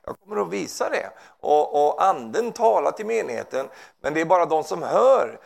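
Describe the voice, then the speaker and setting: A man's voice: a little high, big pitch swings, gravelly. A man preaching informally, fervent and rambling, who peppers his talk with hallelujahs and amens. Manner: rambling, with frequent restarts and asides.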